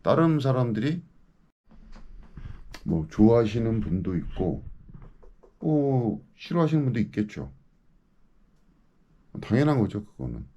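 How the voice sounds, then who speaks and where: A man's voice: mid-range voice, sing-song, a little slow, long pauses, warm tone, lo-fi sound. A man in his fifties, a local news commentator, delivering an indignant, ranting monologue and repeatedly demanding answers from his audience. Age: 50s.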